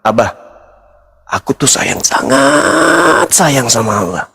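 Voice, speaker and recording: A man quoting his devout adult wife, speaking her words softly and earnestly in his own voice. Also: medium pitch, lively intonation, takes it slowly, vocal fry, breathy edge, big-room sound, voice pushed down, full character voice. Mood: tender.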